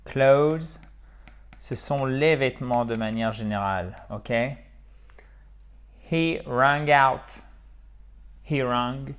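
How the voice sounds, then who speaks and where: A man giving a video English lesson in French, explaining verbs and slowly modelling English example sentences. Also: medium pitch, fairly bright tone, clear, resonant tone. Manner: addresses viewers as dear friends. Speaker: English teacher.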